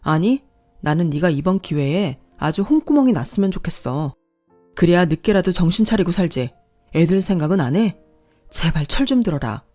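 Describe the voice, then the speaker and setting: A stern, angry man scolds his sister firmly in a storybook tale, read by a woman. The voice stays near the narrator's own low, mellow tone, only louder.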